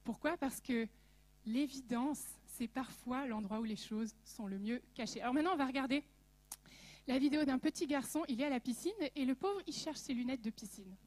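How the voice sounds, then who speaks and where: A woman from Alsace giving a church message, telling stories in a lively, humorous way and speaking directly to the audience. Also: high voice, normal speed, no echo. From Alsace, France. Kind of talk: sermon with storytelling.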